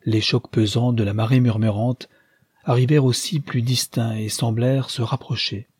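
A man narrating a classic novel in a measured, solemn audiobook reading. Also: medium pitch, steady tone, darkish tone, breathy edge, no room sound, studio quality.

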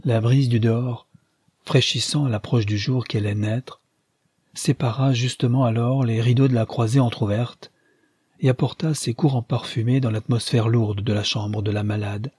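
A man narrating a classic novel in a measured, solemn audiobook reading. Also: mid-range voice, steady tone, a little mellow, slightly rough, no echo.

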